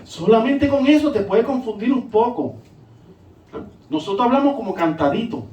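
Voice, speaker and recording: Pastor, male, middle-aged; lilting, animated sermon delivery; echoey sanctuary, picked up from a distance. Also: extremely high pitch, moderate pace, dull audio. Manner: sing-song, animated preaching with rhetorical questions. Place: church sanctuary. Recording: echoey church hall, mic at a distance.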